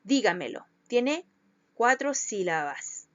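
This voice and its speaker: A woman's voice: fairly high pitch, sing-song, takes it slowly, no room sound, dull audio. A woman schoolteacher, giving a recorded lesson to children and patiently stretching out syllables to show where the stress falls.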